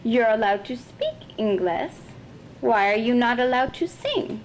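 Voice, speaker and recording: A woman voicing a lively, proud schoolteacher with a sing-song way of talking. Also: a little slow, a little hiss or hum. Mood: stern. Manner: sing-song, turning low and rough when angry.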